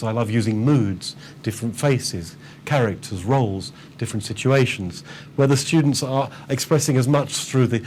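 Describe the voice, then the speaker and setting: A man's voice: on the low side, darkish tone, a little hiss or hum. A man training teachers in a webinar presentation, enthusiastic and chatty, with frequent ums and repeated words. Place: online webinar.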